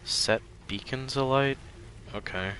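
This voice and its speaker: A man's voice: medium pitch, slow, pushed and bright, a little hiss or hum. A man with a congested, stuffy nose, casually commentating on his own video game play in muttered reactions.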